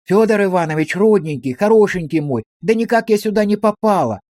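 A fawning village woman, as a male narrator puts her on, lamenting in a high, sing-song whine full of coaxing endearments. Her voice climbs well above the reader's own and stays there, pleading. It sounds close and dry, like a storybook read at the mic. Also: sing-song, a little fast, darkish tone, slightly rough, no echo, exaggerated voice. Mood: wheedling.

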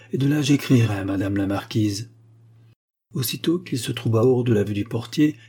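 A man narrating a classic novella in a steady, even reading. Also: on the low side, slightly rough.

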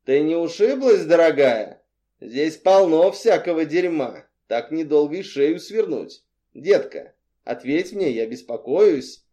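A menacing, smug crime boss, as a man reads him in an audiobook calls out in a slow, drawn-out, mock-tender croon. The voice sits a little high and pushes loud. Its tone stays mellow under the gloating. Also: animated. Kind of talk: audiobook character reading.

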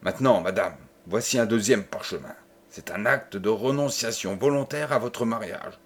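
A man voicing a cold, menacing old nobleman who speaks with sinister calm. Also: medium pitch, moderate pace, husky. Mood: coldly menacing.

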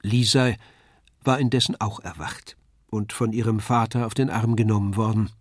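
Measured older male audiobook narrator. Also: on the low side, no echo, clean studio sound. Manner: measured, even storytelling. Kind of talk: scripted literary reading.

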